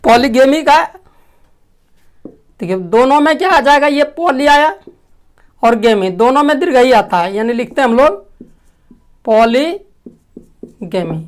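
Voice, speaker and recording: A woman teaching a language lesson, asking questions and answering them herself, clearing her throat often. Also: high-pitched, lively intonation, normal speed, long pauses. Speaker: English teacher. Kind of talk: classroom lesson.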